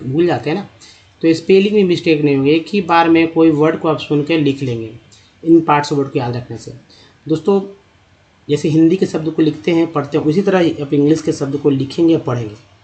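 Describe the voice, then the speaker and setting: A man teaching English reading in a spoken Hindi phonics lesson. He addresses viewers as friends, spells out letters and sounds out word parts slowly. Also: on the high side, a little mellow, muffled recording.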